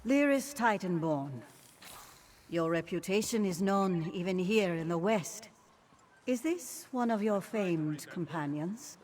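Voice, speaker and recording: An actress voicing a dignified, shrewd fantasy queen in a video game, speaking in a formal, deliberate manner. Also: fairly low pitch, expressive, darkish tone. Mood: formal, curious. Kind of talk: video game character dialogue.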